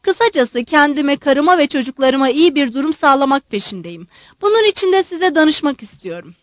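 A woman's voice: high voice, big pitch swings, dry recording, clean studio sound. A woman voicing a nervous old general. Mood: pleading. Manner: pleading, emotional, rushing outbursts. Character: agitated old male general, effusive and nervous.

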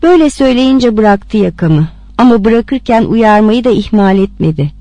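A woman reading a story aloud with expressive narration. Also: on the high side, normal speed, dry recording. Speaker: reader.

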